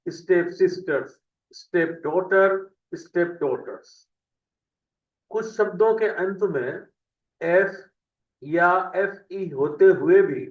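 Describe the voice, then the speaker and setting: A man teaching English, reading word lists aloud slowly and deliberately, word by word. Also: fairly high pitch. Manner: slow deliberate word-by-word dictation. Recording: echoey lo-fi room audio, mic at a distance.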